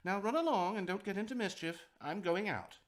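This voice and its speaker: A motherly storybook rabbit, acted out by a man, speaking in a raised pitch. She is firm and instructive, like a parent cautioning her young ones. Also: expressive, a little fast.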